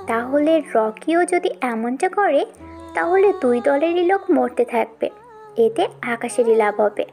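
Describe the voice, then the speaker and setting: A woman narrating a dramatized audio story in a steady storytelling way. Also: high voice, unhurried, gravelly, faint music behind.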